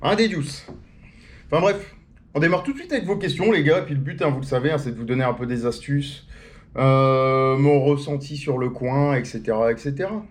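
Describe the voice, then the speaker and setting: A man's voice: medium pitch, normal speed. A young man chatting casually outdoors as a vlogger answering viewer questions, slangy and full of fillers and restarts. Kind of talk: casual chat. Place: sitting outdoors on a chair.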